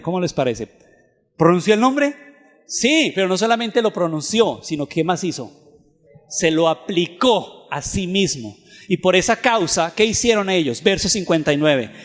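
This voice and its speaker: A man giving a Bible teaching lecture, reading scripture aloud and asking his audience frequent questions. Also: fairly high pitch. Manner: reads scripture aloud, slowing on verses. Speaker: theology seminar lecturer. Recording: long hall reverb.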